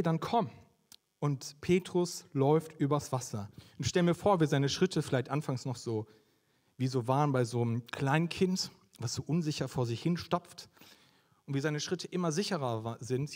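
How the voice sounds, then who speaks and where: A young man with a fairly high voice delivers a sermon in a relaxed, conversational way. He keeps turning to the audience with quick questions and keeps the tone lively. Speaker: preacher.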